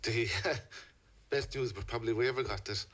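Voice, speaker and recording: A middle-aged man with a west of Ireland accent, giving a personal account in a radio interview in measured, halting phrases. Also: medium pitch, steady tone, a bit bright. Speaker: interview guest, a father telling a family story.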